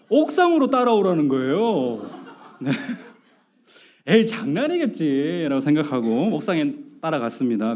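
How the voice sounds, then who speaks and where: A man's voice: mid-range voice, mellow. A middle-aged male pastor preaching a sermon, telling a family story with acted-out dialogue and asking the congregation questions. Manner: storytelling with acted-out dialogue, rising to emphatic outbursts.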